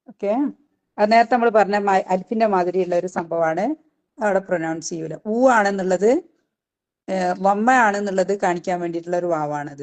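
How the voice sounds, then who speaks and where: A woman teaching a Quran recitation lesson. She explains patiently, keeps asking "okay?" and recites phrases slowly. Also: mid-range voice, a little mellow.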